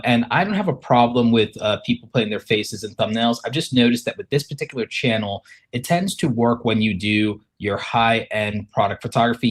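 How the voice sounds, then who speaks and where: A man hosting a casual livestream of reviews and advice, speaking in a halting way with frequent pauses. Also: fairly low pitch. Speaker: livestream host reviewing channels. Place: on site at a conference, away from usual setup.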